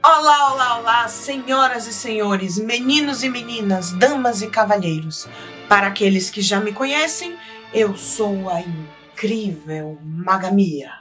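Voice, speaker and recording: A woman's voice: mid-range voice, animated, measured pace, a bit bright, soft background music. A woman playing a cheerful, theatrical magician who presents and explains things in a children's educational show. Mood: grand welcome. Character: theatrical female clown magician, cheerful and wonder-filled.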